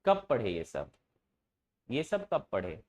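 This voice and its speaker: A man's voice: mid-range voice, wildly swooping pitch, slow, darkish tone. A man teaches a class, his voice rising and falling a lot as he fires questions at the students and answers them himself. He stays informal with the class and teases them at times. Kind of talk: classroom lecture.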